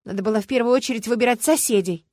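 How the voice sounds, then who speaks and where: A fretful, chattering young wife, as a female audiobook reader puts her on, voice lifted a little higher. She talks on and on in a worried way. The recording is close and dry. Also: racing, darkish tone, dry recording, close to an everyday voice.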